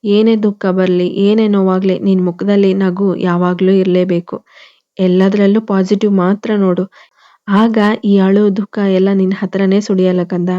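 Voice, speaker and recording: A woman voicing a gentle mother comforting her son in whispers, in a storybook reading. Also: mid-range voice, flat delivery, a little slow, highs cut off, close to an everyday voice. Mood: tender. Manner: whispered, tender.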